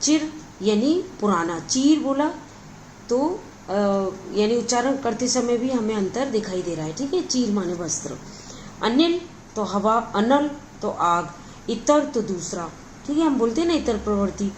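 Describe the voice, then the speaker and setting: A woman's voice: on the high side, animated, measured pace, slight background noise, poor audio. A woman teaching a grammar lesson, explaining each point patiently and checking in with her listeners again and again. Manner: patient, repeats words and adds frequent check-ins.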